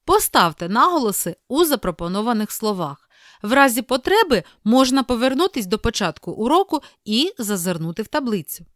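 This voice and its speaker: A woman teacher reading a scripted lesson, clear and deliberate, slowing down to spell out example words. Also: a little high, very animated, a bit bright, no room sound, clean studio sound.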